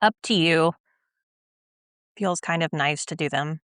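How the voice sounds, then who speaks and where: A young woman guiding a stretching routine, gentle and patient, often checking in with the listener and a little out of breath as she stretches along. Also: low-pitched, measured pace, no echo. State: slightly out of breath while stretching. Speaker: stretching instructor. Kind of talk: guided exercise instruction.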